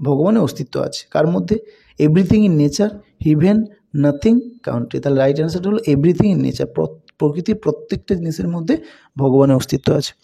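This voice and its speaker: গভীর খসখসে স্বরের শিক্ষক. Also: male voice, on the high side, vocal fry, mellow, breathy edge. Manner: reads English question slowly, explains in Bengali. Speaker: teacher. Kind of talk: exam prep lesson.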